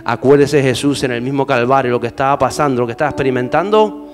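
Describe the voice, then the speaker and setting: A male pastor preaching to a congregation. He rises to loud urging and drops to low, quiet lines, often turning to questions. His voice rings out with a long hall reverb over soft background music. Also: fast. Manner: swings between loud exhortation and low quiet asides; addresses the congregation with repeated questions. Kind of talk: sermon.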